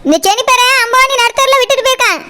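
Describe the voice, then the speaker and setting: A woman acting out a scolding cartoon landlady with a Kanyakumari Tamil accent, her voice very high and racing along. She talks with open scorn. There is a clear hiss of noise behind her. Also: quick pace, sharp tone. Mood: scornful. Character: sharp-tongued, scolding house owner woman.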